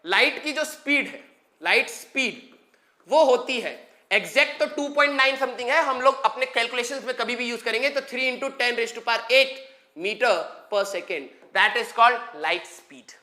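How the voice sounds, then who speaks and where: A man's voice: very high-pitched, unhurried, bright, forceful tone. A young man from Haryana teaching physics in an online exam-prep lecture, chatty and joking with students, drawing out definitions word by word. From Haryana, India.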